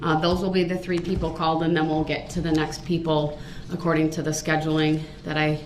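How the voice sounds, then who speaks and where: A woman judge giving firm, measured instructions and rulings, heard in a courtroom recording played back. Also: deep voice, level tone. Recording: echoey, distant, noisy courtroom recording.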